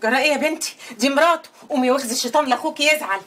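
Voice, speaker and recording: A woman's voice: sits high, racing, fairly bright tone. An actress playing a caring, coaxing Egyptian mother in a TV drama, speaking with an Egyptian Arabic accent. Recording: distant voice over music score.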